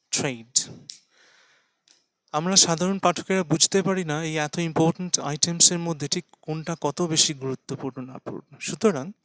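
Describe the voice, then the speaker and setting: A man teaching English pronunciation in a slow explanatory lesson, spelling words out letter by letter and pausing often. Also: on the high side, a bit bright, no echo. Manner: reads English phrases very slowly with stress.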